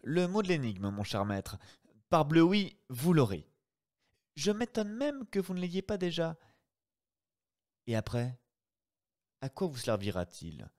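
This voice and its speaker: A man doing a theatrical, mocking gentleman thief. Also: on the high side, a little slow, long pauses, pitched above the performer's own voice. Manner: theatrical and teasing, with lively swings.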